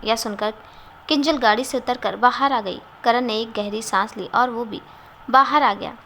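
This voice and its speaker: A woman storyteller narrating a storybook in a steady, even reading voice. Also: fairly high pitch, moderate pace, a little hiss or hum.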